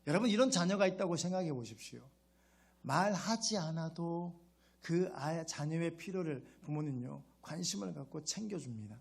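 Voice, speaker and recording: A man's voice: fairly high pitch, animated, moderate pace, gravelly, husky. A male pastor preaching a sermon in a conversational way, often putting rhetorical questions to his congregation and acting out a child's grateful words.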